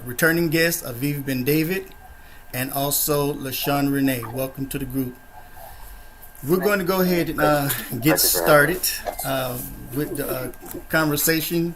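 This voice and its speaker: A man hosting a panel discussion over a video call, speaking in a measured way with many uh and um fillers. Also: a little high, slight background noise. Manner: measured, flat delivery with frequent uh and um fillers. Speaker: host of a discussion forum.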